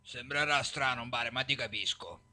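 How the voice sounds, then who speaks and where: Forceful, sharp Sicilian mafia boss played by a man. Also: mid-range voice, normal speed. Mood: mock-gracious. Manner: domineering, taunting. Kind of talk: amateur comedy parody dub of a video game.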